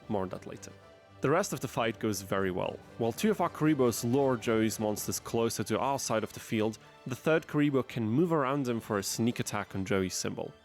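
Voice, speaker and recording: A man giving scripted gameplay commentary as a channel narrator, with wry, dry asides. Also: fairly low pitch. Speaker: gaming video narrator.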